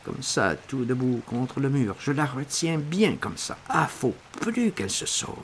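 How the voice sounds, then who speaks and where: A middle-aged man reading a first-person novel aloud, theatrical and impassioned, dropping to a hush and then rising loud. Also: mid-range voice, big pitch swings, measured pace, background noise. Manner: impassioned, theatrical, swinging between hushed and loud. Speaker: audiobook reader.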